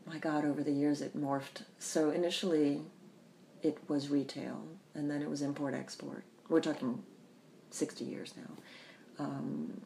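A woman who grew up in the Bahamas, telling her family history in an interview, thoughtful and pausing often. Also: low-pitched, level tone, creaky, dark tone, slight background noise. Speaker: interview guest. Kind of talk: reflective personal storytelling.

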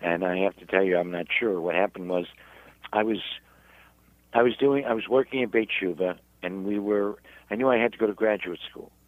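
A man, a rabbi, telling his story in an interview in halting, self-repeating speech. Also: fairly low pitch, dry recording, narrow, tinny audio. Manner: halting, repeats words while searching. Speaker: rabbi and guest.

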